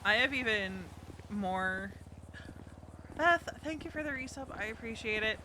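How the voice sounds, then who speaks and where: A woman's voice: a little high, expressive, unhurried, bright, forceful tone, a little hiss or hum. A woman roleplay streamer chatting casually with her live chat and laughing often between remarks.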